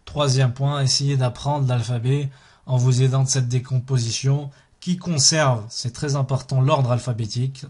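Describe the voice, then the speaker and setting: A man's voice: mid-range voice, steady tone, normal speed, darkish tone, husky. A man teaching a language lesson, saying each letter aloud and repeating it several times. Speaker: Arabic teacher.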